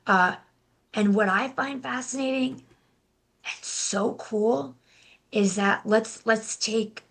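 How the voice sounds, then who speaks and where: A young adult woman speaking as a guest in a casual interview, often restarting her sentences and filling pauses with "like". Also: fairly high pitch, creaky, fairly bright tone. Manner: halting, restarts, many "like" fillers. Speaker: guest, intuitive healer and life coach.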